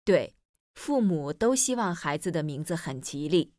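Female teacher for a textbook listening dialogue: lowish, animated voice, clear explanations, dry studio sound. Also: measured pace, no room sound. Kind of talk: scripted listening-exercise dialogue.

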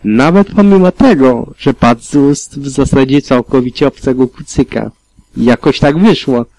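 A man's voice: mid-range voice, moderate pace, a little mellow, lightly acted, poor audio. A man reading an audiobook, voicing a young female pony who is shy and easily flustered, in a raised, hesitant voice. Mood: evasive. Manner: reading aloud, self-conscious and hesitant. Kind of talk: audiobook reading of fan fiction.

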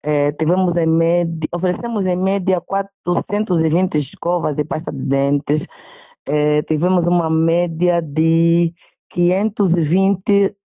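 A woman doctor with a lowish, steady voice sums up the community health event she organized, speaking unhurriedly in a report-style event summary. She stacks long lists and repeats words for emphasis. The recording is dry and tinny, like a phone.

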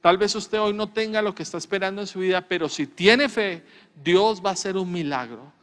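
A Colombian pastor preaches a sermon in church, his voice high, a bit bright and a little fast, with a long reverb tail. He preaches emphatically, repeating his lines as refrains to stress his points.

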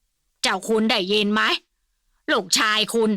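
A woman's voice: medium pitch, huge pitch swings, extremely slow, dry recording, clean studio sound, heavily acted. A woman doing a blustering old nobleman. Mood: gruff. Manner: shouting, gruff and indignant. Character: blustering hot-tempered old male nobleman.

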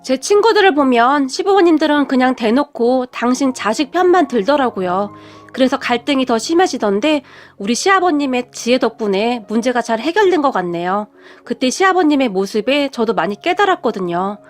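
A woman narrating a scripted first-person family story in an even storytelling manner. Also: high-pitched, moderate pace, faint music behind.

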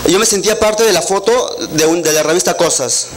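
A man's voice: sits high, a little fast, a loud crowd. A man from the Peruvian Andes with an Andean accent, performing a stand-up monologue full of self-mocking asides and tag questions. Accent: Andean Peruvian Spanish. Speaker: stand-up comedian. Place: comedy stage. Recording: live stage recording with loud background noise.

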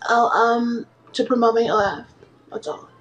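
A young woman hosting a prank video chat, asking strangers odd questions in a rambling, deadpan way. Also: a little high, a little slow, dull audio. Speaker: livestream host.

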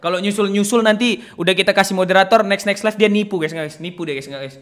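A young man streaming a game, chatting loudly and teasingly with his viewers and laughing often. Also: high-pitched, fast. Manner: loud, teasing and excitable, with frequent laughter and repeated "ya kan". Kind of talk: casual live-stream chat.

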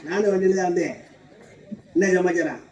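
A man's voice: high voice, fairly quick, darkish tone, recorded from a distance, some chatter behind, a little hiss or hum. A man doing playful, teasing banter as a stage comedian, speaking into a microphone in a live show.

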